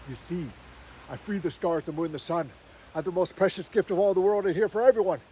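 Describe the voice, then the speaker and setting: Raven the trickster grumbles low and insists on food, as a storyteller voices him, dropping below the teller's usual fairly high voice. The delivery slows and presses, with faint hiss in the background. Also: male voice, mellow, natural voice, poor audio. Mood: demanding. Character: hungry, demanding trickster Raven spirit.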